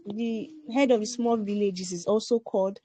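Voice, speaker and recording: A woman presenting to an online class. She reads from her notes haltingly and stumbles over names. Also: medium pitch, steady tone, warm tone, poor audio. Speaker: student presenter. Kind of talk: reading class notes aloud.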